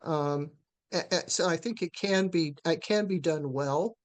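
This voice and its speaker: Fielding questions during a live webinar, a woman with a low-pitched voice responds haltingly, often restarting and leaning on filler words.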